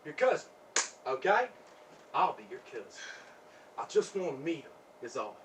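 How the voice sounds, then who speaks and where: A man's voice: extremely high pitch, sing-song, normal speed, bright, forceful tone, far from the mic, slight background noise, full character voice. A man playing a cocky, jealous drifter. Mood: coaxing. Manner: mocking, cocky drawl with laughs. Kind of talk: stage drama acting.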